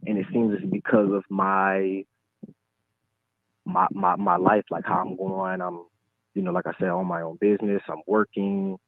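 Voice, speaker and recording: A man's voice: deep voice, lively intonation, gravelly, no echo. Young man calling in on a tinny phone line. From Michigan, US. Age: 20s. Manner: hesitant, halting, many fillers. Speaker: caller. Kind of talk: casual call-in chat.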